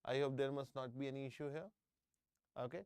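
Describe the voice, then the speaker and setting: A middle-aged man with an Indian English accent coaches students for engineering exams in a live online class, often repeating and checking in with them. His medium-pitched voice is steady, a little fast, slightly mellow, clear and resonant. The close-mic recording is dry and studio quality.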